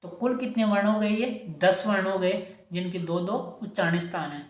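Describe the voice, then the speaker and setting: A woman's voice: medium pitch, moderate pace. A woman teaching an exam-prep lesson, asking questions and answering them herself, repeating each key term. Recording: echoey room.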